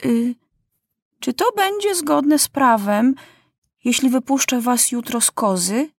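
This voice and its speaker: A woman's voice: a little high, animated, slow, breathy edge, no echo, studio quality, pitched above the performer's own voice, heavily acted. A woman reading a storybook, voicing a young boy king who asks eager, uneasy questions. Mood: puzzled.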